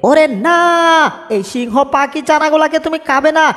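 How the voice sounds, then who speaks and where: A woman plays a soft-hearted cartoon cat who whines and frets. The voice is high. It echoes with a long reverb tail. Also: fairly even intonation, moderate pace, natural voice. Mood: fretful. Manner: whiny, fretful, cries out in alarm. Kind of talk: homemade cartoon dub.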